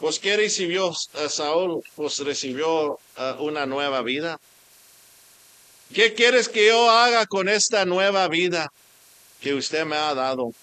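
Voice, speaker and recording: A man's voice: a little high, animated, bright, forceful tone. A man preaching a sermon, switching between Spanish and English and stopping to hunt for the right word. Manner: mixes Spanish and English, pausing to search for words. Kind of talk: bilingual sermon.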